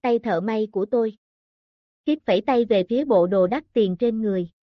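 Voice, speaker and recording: A woman reading a novel aloud as an audiobook narrator, in steady scripted narration. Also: a little high, normal speed, dry recording. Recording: dull, dry lo-fi audio.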